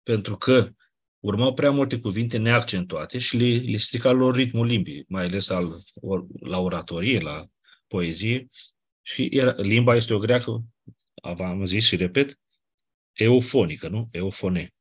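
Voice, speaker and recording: A man's voice: on the low side, husky. A man teaching a grammar lesson in a casual, explanatory way, often checking with his listeners. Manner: explanatory, colloquial asides, checks with "nu?". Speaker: Greek teacher. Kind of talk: classroom lecture on Ancient Greek grammar.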